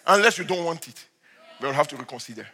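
High bright-voiced male preacher. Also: expressive, fast, husky, long reverb tail. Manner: storytelling preacher, swings from soft asides to shouted declarations. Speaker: pastor. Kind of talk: sermon.

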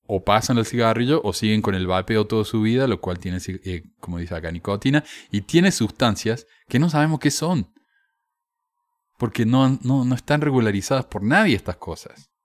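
A man's voice: fairly low pitch, lively intonation, moderate pace, no room sound, studio quality. A man giving casual, frank commentary with a sardonic edge, hesitating and restarting as he talks. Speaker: commentator on religious texts.

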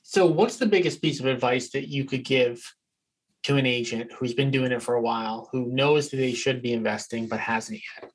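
Man, interview host, average pitch, casual chatty questions, loose phrasing. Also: normal speed, rough recording.

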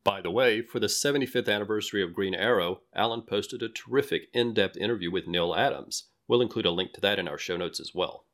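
A man with a low voice co-hosts a podcast and reads listener messages aloud. His delivery stays even and friendly. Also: fast talker, few pauses. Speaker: podcast co-host. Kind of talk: reading listener mail.

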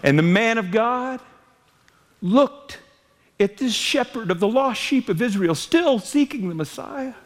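Man, humorous sermon storytelling, jokey, swooping lively pitch, church hall echo. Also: a little slow. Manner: animated, jokey, acts out quoted voices. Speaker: preacher.

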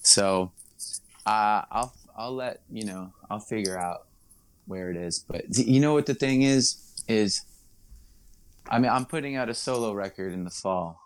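A man, chatting as a guest in a casual interview, rambling and correcting himself with quick laughs. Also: lowish voice, smooth. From Long Island, New York. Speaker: musician guest.

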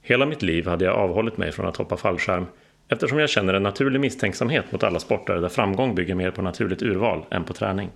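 A man's voice: sits low, gravelly. A man narrating an audiobook with a dry, wry delivery.

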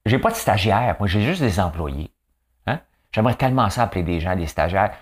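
A man's voice: lowish voice, very animated, brisk, breathy edge. A man with a Quebec French accent and a nasal voice, hosting a casual, joking commentary monologue and tagging his sentences with "hein". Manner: chatty, joking, fills talk with "hein". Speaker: show host.

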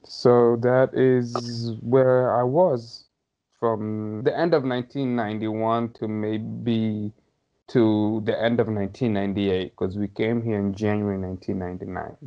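A Somali man in his thirties, appearing as a podcast guest, thoughtfully tells stories from his childhood, hedging a lot and laughing softly. His voice sits on the low side with a dark tone, and he speaks at a measured pace with flat delivery. The audio is lo-fi and slightly dull.

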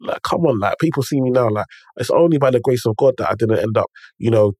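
A man's voice: mid-range voice, fast talker, a little mellow, no echo, clean studio sound. A man with an urban London roadman accent tells stories and gives motivational advice in an emphatic, conversational way, repeating phrases and checking in with the listener. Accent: London, urban multicultural slang.

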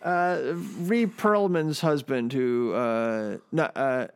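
A man's voice: mid-range voice, slow pace, smooth. Give me a man casually trashing a performance, laughing through it. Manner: opinionated, laughs often, searches for names with fillers. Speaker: podcast co-host. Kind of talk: casual film-discussion chat.

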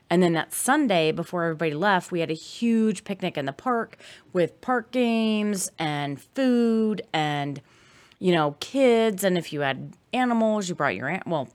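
Tired, low-voiced woman chatting. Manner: chatty, storytelling, many fillers. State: tired from little sleep. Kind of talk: casual chat.

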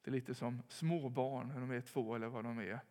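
A man giving a sermon in a calm, reflective way, with pauses and rising emphasis. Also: medium pitch. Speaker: preacher. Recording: long hall reverb.

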